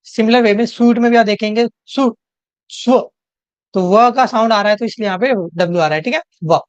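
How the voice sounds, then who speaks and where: A woman's voice: medium pitch, clean tone, no room sound. Young woman tutoring in Indian English. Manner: explains step by step, repeats "theek hai?" to check in; reads English questions slowly. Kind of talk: exam-prep lecture in Hinglish. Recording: dry, slightly dull home recording.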